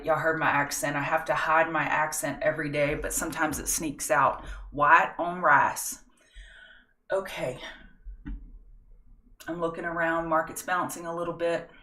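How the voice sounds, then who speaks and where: Hosting a casual market analysis livestream, this middle-aged woman chats folksily with her viewers. She has a low voice with a sharp tone, recorded from a distance, and the room gives off a noticeable echo.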